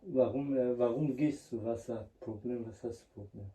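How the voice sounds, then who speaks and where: A man's voice: medium pitch, moderate pace, warm tone. A man who is not a native speaker, talking tersely in short, simple, broken sentences. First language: not German. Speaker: husband. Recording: roomy, far from the mic.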